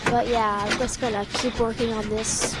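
A woman's voice: fairly high pitch, level tone, moderate pace. A young woman with the hiccups giving chatty, self-deprecating commentary while playing a game. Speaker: gamer. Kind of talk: casual gameplay commentary. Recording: loud background noise.

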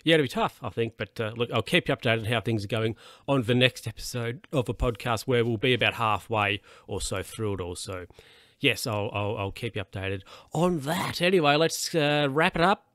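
Relaxed Australian man, dry close mic. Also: mid-range voice, moderate pace, no room sound. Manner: rambling and relaxed, many fillers and restarts. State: yawning, a bit tired. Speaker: podcast host. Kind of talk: casual solo podcast monologue.

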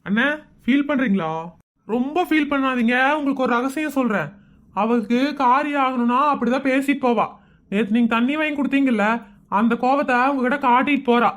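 A woman's voice: sits high, close to an everyday voice. A woman voicing a cheeky single woman in her late thirties. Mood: teasing. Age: 30s. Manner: teasing, quick banter. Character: unmarried woman of 37, cheeky teasing neighbor. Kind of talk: animated comedy voice acting.

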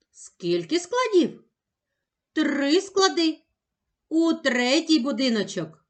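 A woman teaching young children, speaking slowly with exaggerated, sing-song emphasis on each sound and syllable. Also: high voice. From Ukraine. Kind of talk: slow, clearly enunciated lesson for young children.

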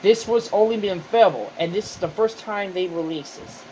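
A man reviewing fast food for his channel, talking with his mouth full and rambling as he restarts his sentences. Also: high voice, darkish tone, slight background noise, low-quality recording. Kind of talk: casual food review vlog.

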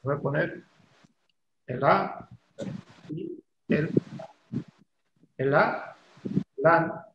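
Male teacher, fairly high gravelly voice, casual and teasing, echoey lo-fi room recording. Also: drawn-out words, long pauses. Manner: casual, teasing, explains step by step. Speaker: English teacher. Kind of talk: online class lecture. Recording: echoey room, dull lo-fi sound, faint noise.

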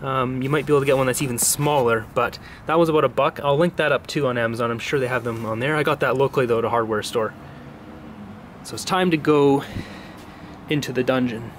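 A man's voice: mid-range voice, fast talker, slight background noise. A young man casually explaining a home repair in a loose vlog, with many fillers and restarts, filmed on a handheld camera at arm's length in a house basement. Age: young adult. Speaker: DIY home repair vlogger. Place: house basement and outdoor stairwell.

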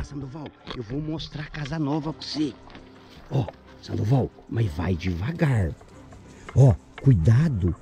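A man with a Brazilian accent talks excitedly to his followers on camera, coaxing and calling out over and over. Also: mid-range voice. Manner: coaxing, repetitive, calls out often. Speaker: vlogger.

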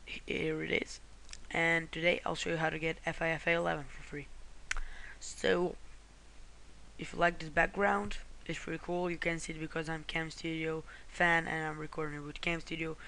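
Gravelly, bright-voiced man. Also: a little high, level tone, moderate pace, a little hiss or hum. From Croatia. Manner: rambling, frequent self-corrections and apologies. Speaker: tutorial host. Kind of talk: screen-recorded how-to walkthrough.

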